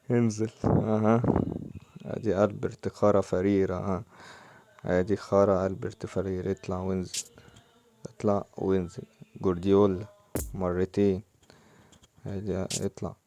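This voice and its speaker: A man's voice: low-pitched, flat delivery, measured pace, long pauses, dark tone. A young man with an Egyptian Arabic accent, chatting casually while opening football game packs, muttering prayers and groaning in frustration. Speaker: mobile football gamer. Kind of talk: casual gaming commentary.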